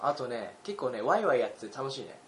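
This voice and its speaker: A young man in his twenties co-hosting a casual podcast chat, an animated storyteller who laughs often and acts out the lines of the people in his stories. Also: medium pitch, quick pace. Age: 20s. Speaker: podcast co-host. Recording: roomy recording with faint background hiss.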